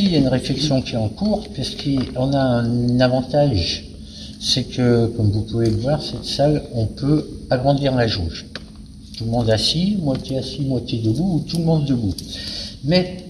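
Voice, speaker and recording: A man speaking as a venue director in an interview, explaining things in a hesitant, searching way. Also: medium pitch. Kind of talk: spoken interview about a cultural season. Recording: noisy, very reverberant hall.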